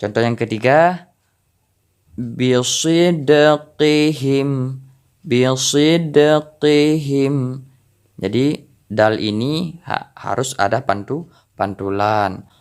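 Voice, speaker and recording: A man teaching Quran reading, explaining slowly and reciting each example word in a drawn-out voice. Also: lowish voice, expressive. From Indonesia or Malaysia.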